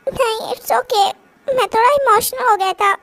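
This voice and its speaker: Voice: extremely high pitch, measured pace, a bit bright, heavily acted. A performer doing a sobbing, lovesick young man. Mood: sheepish. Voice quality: sobbing, broken stammering speech. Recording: music playing behind.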